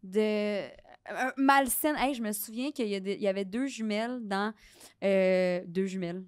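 A woman's voice: medium pitch, normal speed, no echo, clean studio sound. A young woman with a Québécois accent, a guest telling self-mocking stories in a casual podcast chat. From Quebec. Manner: laughing, self-mocking storyteller.

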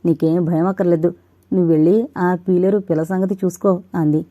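A woman's voice: lowish voice, steady tone, fairly quick, narrow, tinny audio, natural voice. A woman reading a story voices a frank, outspoken educated woman neighbor. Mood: reassuring.

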